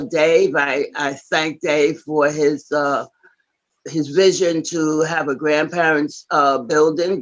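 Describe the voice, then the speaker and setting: Halting, earnest woman in her eighties. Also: deep voice, dull audio. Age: 80s. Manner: earnest, halting, with many fillers and restarts. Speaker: award honoree. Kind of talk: acceptance speech.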